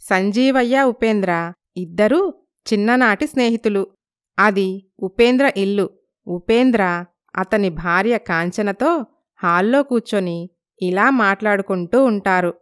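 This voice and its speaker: Brief: woman storyteller, clear smooth tone, steady mid pitch. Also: measured pace, long pauses. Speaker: narrator. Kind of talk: storytelling narration with character voices.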